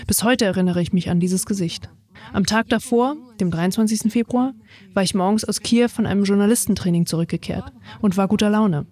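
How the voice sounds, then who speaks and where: A woman in her twenties from Ukraine, calmly reading her own first-person story in a reflective voice. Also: mid-range voice, fairly quick. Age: 20s. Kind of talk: read first-person testimony.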